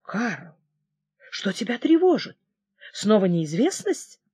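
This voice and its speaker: An audiobook reader voicing a gentle, devoted woman who soothes the king. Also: mid-range voice, sing-song, slow pace, husky, no echo, studio quality, heavily acted. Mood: soothing. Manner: soft, soothing. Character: gentle devoted woman singer, the king's nurse. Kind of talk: audiobook character reading.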